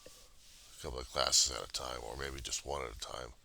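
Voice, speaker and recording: A man giving a casual, profane confessional monologue in a halting, raw and emotionally weary way. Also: a bass voice, fairly even intonation, vocal fry, pushed and bright. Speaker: personal video diarist.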